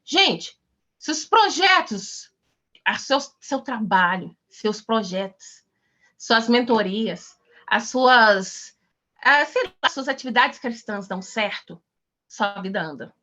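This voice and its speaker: Emphatic woman teacher, high and animated, lo-fi call sound. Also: slow. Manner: emphatic, exhorting, rhetorical questions. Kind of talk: online class, preaching.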